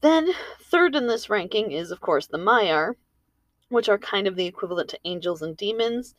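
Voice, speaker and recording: A woman's voice: mid-range voice, lively intonation, normal speed, no room sound. A woman hosting a story podcast, telling tales and chatting in an informal way with rambling asides. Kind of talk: storytelling and casual commentary. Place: room in a house.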